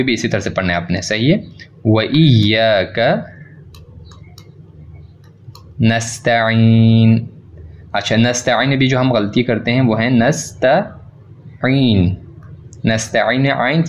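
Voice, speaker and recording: A man giving a recitation pronunciation lesson, slowly stretching out words to demonstrate sounds and contrasting right and wrong forms. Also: mid-range voice, highs cut off. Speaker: Quran recitation teacher.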